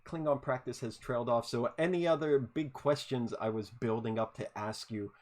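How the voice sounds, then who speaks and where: With a mid-range, slightly mellow voice and a moderate pace, a man hosts a relaxed podcast interview by video call. He comes across as eager, tripping over and repeating words.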